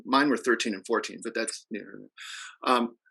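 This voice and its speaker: A man's voice: on the low side, normal speed, creaky, pushed and bright, breathy edge, low-quality recording. A middle-aged man giving a training over a video call, telling stories in a conversational way and asking the audience questions. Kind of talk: presentation.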